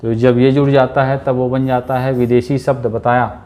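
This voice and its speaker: A man's voice: mid-range voice, flat delivery, normal speed, warm tone. A man teaching an exam-prep lesson, repeating key words and checking in often with his students.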